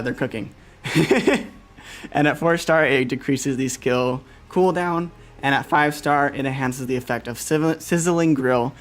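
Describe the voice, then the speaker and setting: A man hosting a casual game livestream, upbeat and quick to laugh, with lots of fillers as he walks through weapon stats. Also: medium pitch. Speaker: livestream host.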